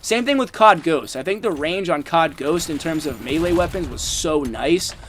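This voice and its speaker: A man's voice: a little high, lively intonation, normal speed, a bit bright, slight background noise. A young man giving casual, rambling commentary over gameplay, swearing often and filling gaps with ums and likes. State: has the hiccups. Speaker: gaming YouTuber.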